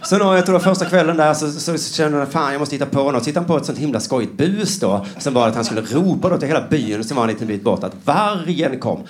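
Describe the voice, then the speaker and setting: A man's voice: fairly high pitch, animated, hardly any pauses. A man performing a rambling, sarcastic stand-up routine, mocking other voices as he goes. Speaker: stand-up comedian.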